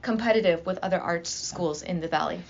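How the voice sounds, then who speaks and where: A woman's voice: lowish voice, fairly quick, vocal fry. A woman who teaches drama and runs a school arts program, chatting enthusiastically in an interview with lots of restarts. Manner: enthusiastic, talkative, many restarts. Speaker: high school drama teacher and assistant principal. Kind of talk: casual interview talk. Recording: slightly muffled lo-fi recording.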